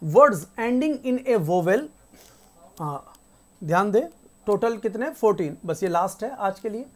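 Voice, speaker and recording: A woman teaching spelling rules in a casual classroom style. She reads each rule out slowly and repeats the example words. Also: mid-range voice, animated. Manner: casual, conversational teaching with frequent checks like "theek hai". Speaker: English teacher.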